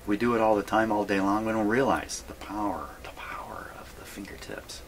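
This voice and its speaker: A hobbyist who repairs vintage radios narrates his hands-on vlog casually from an indoor workshop, thinking aloud in a rambling, folksy style. His voice is on the low side and fairly quick, and background noise is clearly audible.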